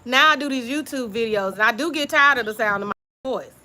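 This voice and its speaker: Talking a little fast in a fairly high voice, a woman creator goes over old journal entries on a laid-back live stream, relaxed and informal. She comes across as reflective and confiding, frequently asking her audience "okay?", with slight background noise behind her.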